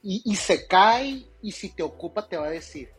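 A man's voice: high voice, lively intonation, moderate pace. A man, co-hosting a casual podcast. He explains child behavior and gives advice by walking through examples. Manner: explanatory, advising, builds hypothetical examples. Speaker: podcast co-host giving parenting advice.

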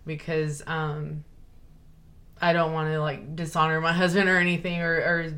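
A woman's voice: low-pitched, little pitch movement, moderate pace, a bit bright. A young woman, talking earnestly and rambling with many fillers and restarts in a casual chat. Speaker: guest sharing her story.

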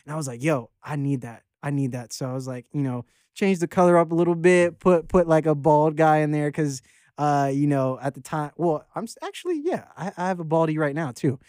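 A rapper around thirty from Baltimore, Maryland, chats loosely as a guest in a casual interview, rambling with plenty of fillers and restarts and swearing casually. His voice is fairly high, animated and brisk, darkish yet clear and resonant. The studio recording is clean with no echo.

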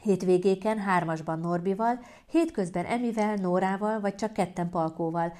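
A woman calmly reading a first-person story aloud as an audiobook narrator. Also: medium pitch. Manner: calm, even storytelling.

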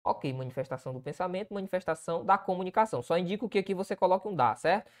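Racing along in a high, expressive voice, a Brazilian Portuguese–accented man corrects a student essay aloud. As the writing teacher, he repeatedly checks with the listener and indicates spots on the page.

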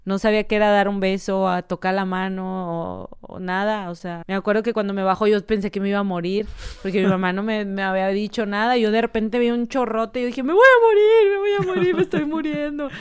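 A woman with a Mexican Spanish accent tells her story in a candid, casual way. Her voice is smooth and clear, and she sits at a middle pitch. She animates her account by acting out the people she quotes. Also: flat delivery, quick pace. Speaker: guest telling her story.

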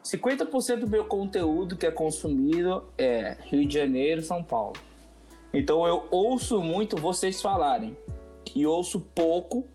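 A man from Mato Grosso do Sul talking as a podcast guest, relaxed and rambling, repeating phrases and dropping in slang. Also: high-pitched. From Mato Grosso do Sul, Brazil. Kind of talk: casual podcast interview.

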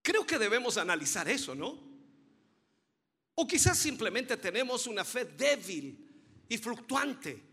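High, bright-voiced fervent preacher man. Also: very animated, unhurried, pauses often, husky. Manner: fervent, emphatic preaching with rising repeated phrases; addresses listeners as dear brother. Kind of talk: sermon. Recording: long hall reverb.

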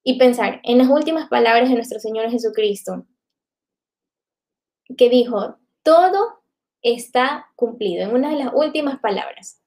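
A woman's voice: a little high, moderate pace, pauses often, darkish tone. A woman giving a reflective live faith talk to viewers, often tagging her sentences with "¿no?". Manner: reflective, many filler tags like "¿no?".

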